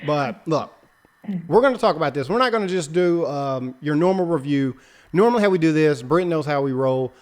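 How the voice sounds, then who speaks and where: A man's voice: a little high, lively intonation, a little fast, darkish tone. A man hosting a casual podcast, introducing guests in a loose, jokey way with plenty of fillers. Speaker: podcast host.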